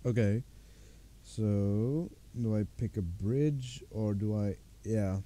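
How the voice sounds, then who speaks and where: Dark-voiced gamer reacting. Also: male voice, fairly low pitch, slow. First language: Dutch. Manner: reactive, short exclamations. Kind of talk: casual let's-play commentary.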